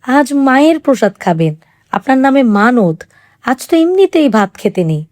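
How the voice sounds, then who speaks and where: Casting: woman reading a soft, coaxing young wife, a little higher, gentle and patient. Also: sing-song, moderate pace.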